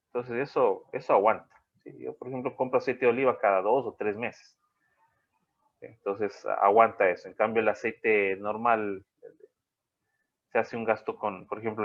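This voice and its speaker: Male teacher, online lecture, rambling, dull lo-fi call audio. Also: fairly low pitch. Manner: rambling, checks in with "¿sí?". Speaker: college teacher. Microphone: video call.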